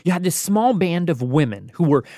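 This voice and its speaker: A man narrating a radio documentary in a brisk, lively storytelling manner. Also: on the high side, no echo, studio quality.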